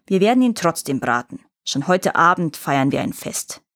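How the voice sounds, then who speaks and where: A woman putting on a booming, gruff giant. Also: big pitch swings, a bit bright, dry recording, studio quality, heavily acted. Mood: grim. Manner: booming, slow and threatening. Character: huge gruff male giant, menacing.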